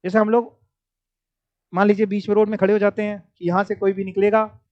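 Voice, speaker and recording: A man's voice: high voice, level tone, a little fast, no echo. A male teacher speaks, his lecture conversational and dotted with English terms and playful jabs at students. The recording is dry and a little dull, with no room sound around him. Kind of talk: classroom lecture.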